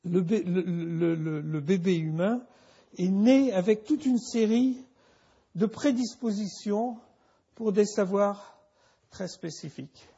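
Slow, husky, halting male lecturer. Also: high-pitched, mellow, highs cut off. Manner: halting, many restarts and repeated words. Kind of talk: university lecture.

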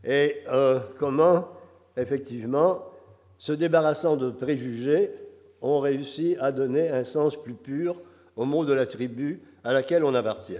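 An older male academic with a Quebec French accent lectures in a big, reverberant hall. His voice is hoarse and stuffed-up from a cold, at a middling pitch. He moves haltingly through digressions, and the sound is somewhat muffled. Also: a little mellow. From Quebec, Canada. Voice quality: hoarse, nasal.

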